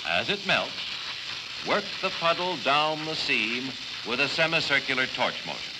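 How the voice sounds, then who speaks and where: A man giving steady step-by-step directions as the scripted narrator of an educational film. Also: medium pitch, moderate pace. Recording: noisy old film soundtrack.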